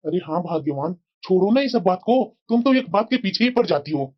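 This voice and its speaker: A woman's voice: on the low side, expressive, fairly quick. Woman voicing a mild husband, lo-fi. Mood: calming. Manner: mild, soothing, reasonable. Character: calm middle-aged husband and father. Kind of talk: cartoon voice acting. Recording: dull lo-fi sound.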